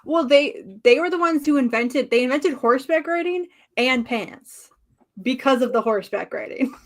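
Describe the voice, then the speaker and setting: A woman's voice: sits high, moderate pace. A woman co-hosting a casual group podcast chat, laughing often and putting on mocking voices when she tells a story. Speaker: podcast co-host.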